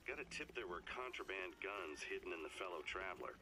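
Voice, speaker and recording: A man's voice: low-pitched, animated, fairly quick. An actor playing a terse, soldierly lawman giving a report in a video game audio log, heard through an old radio effect. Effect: old radio recording. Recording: noisy crackling old radio recording.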